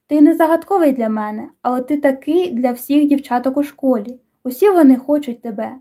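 A shy, sweet teenage girl talks in a playful, teasing way, voiced by a woman in an audiobook. Her voice is high and soft-toned. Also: a little fast. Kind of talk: audiobook dialogue reading.

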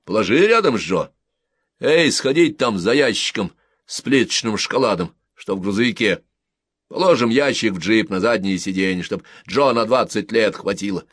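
A man reading the parts of jovial soldiers who tease and coax a child in loud, cheerful voices. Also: on the low side, animated, normal speed, slightly rough, no echo. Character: hearty joking soldiers, adult men.

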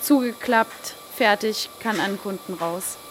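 On a tour of a small production room, a woman who works in cassette production casually explains the manufacturing work as an interviewee. Her mid-range voice is slow and fairly bright. The recording is rough, with hiss and room noise from the production space.

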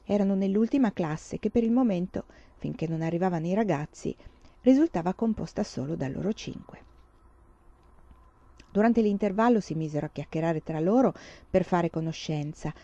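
A woman reading a children's novel aloud with calm, measured narration. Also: fairly low pitch, no room sound. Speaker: reader. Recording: slightly dull, dry recording.

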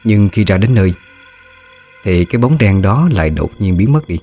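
A man narrates a ghost story in a steady, scripted way. His voice sits very low, over faint background music. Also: normal speed.

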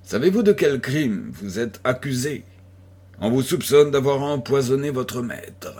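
Man doing a steady police commissioner in an audiobook, measured and calm, slow and husky. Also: medium pitch. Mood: calm questioning. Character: calm, authoritative middle-aged police commissioner.

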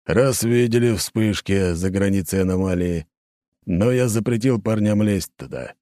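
A man's voice: lowish voice, dark tone, dry recording, studio quality, close to an everyday voice. A man doing a grumbling old guard captain. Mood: grudging. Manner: slow, grudging, plain-spoken. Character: grumbling older male guard captain, reluctant.

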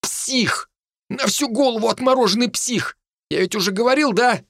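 A man voicing a nervous, bespectacled teenage boy who talks in a high, whiny, panicky way. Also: lively intonation, brisk, a bit bright, slight background noise. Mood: panicky whine.

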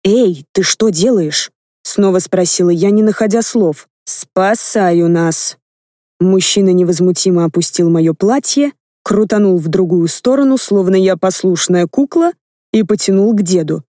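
A woman reading a first-person fantasy audiobook with lively, expressive narration. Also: medium pitch, moderate pace, no echo, studio quality. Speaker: audiobook reader.

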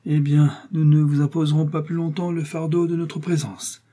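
A man reading aloud and voicing a sharp-tongued, sour young woman with an acid, cutting manner. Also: fairly high pitch, flat delivery, normal speed, voice pushed up, lightly acted. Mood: haughty.

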